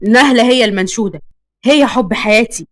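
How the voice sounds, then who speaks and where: A woman voicing a calm, possessive young male vampire in an Egyptian accent. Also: fairly high pitch, a little fast, no room sound, studio quality, lightly acted. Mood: heated. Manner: cold and calm.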